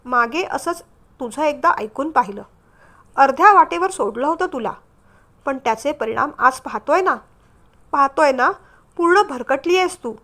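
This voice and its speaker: A caring but stern young divorced man in a storybook reading, as a woman narrator voices him. He speaks firmly, with concern under the scolding. The voice sits high. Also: animated, normal speed, sharp tone, exaggerated voice. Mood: pleading.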